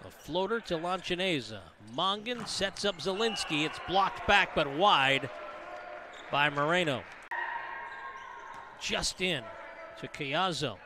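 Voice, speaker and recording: High-voiced man calling live volleyball. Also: lively intonation. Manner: brisk, rises to shouts on big plays. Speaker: play-by-play commentator. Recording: noisy arena broadcast feed. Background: gym ambience and ball bounces.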